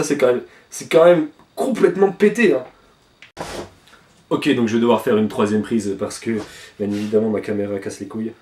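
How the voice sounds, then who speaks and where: A man's voice: on the high side, reverberant, far from the mic. A young man hosting a casual manga reaction video, talking informally with lots of fillers and some swearing.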